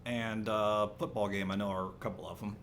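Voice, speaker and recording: A man's voice: on the low side, brisk, a little hiss or hum. A man hosting a casual podcast roundtable over a call, wry and keeping the show moving. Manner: lively, wry, moves the show along. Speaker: podcast host. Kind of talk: casual chat.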